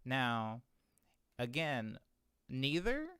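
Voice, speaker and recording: A young man casually explaining audio effects to stream viewers, excitable and thinking aloud. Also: medium pitch, drawn-out words, clear, resonant tone, dry recording, studio quality. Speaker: music producer streaming a tutorial.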